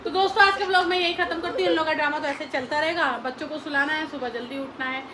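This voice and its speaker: A woman's voice: sits high, steady tone, rapid-fire, crowd noise, rough recording. A woman in her thirties chatting casually to camera as a family vlogger, talking to her viewers as friends. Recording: loud background noise.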